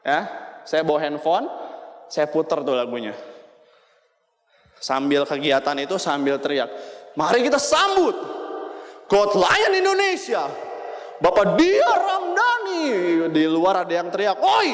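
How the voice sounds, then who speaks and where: A young man giving a lively motivational business seminar, quizzing and joking with the audience in a hall. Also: on the high side. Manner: lively, jokes with the audience, asks questions. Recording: long hall reverb.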